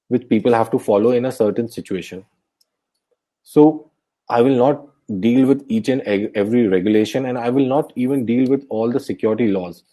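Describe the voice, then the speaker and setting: Man, webinar lecture, soft voice, warm tone, patient explanations. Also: mid-range voice, poor audio. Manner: soft-spoken, explanatory, self-correcting. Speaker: guest speaker.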